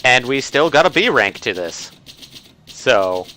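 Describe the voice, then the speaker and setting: A man's voice: medium pitch, very animated, measured pace, pushed and bright, a little hiss or hum. A man streaming a video game, chatting casually with a co-host and rambling with lots of filler words and restarts.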